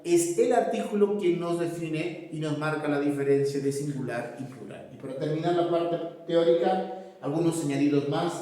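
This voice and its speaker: This man's voice is a little high but dark in tone. As a teacher, he walks through a grammar lesson step by step, frequently checking in with students, recorded from a distance in an echoey room.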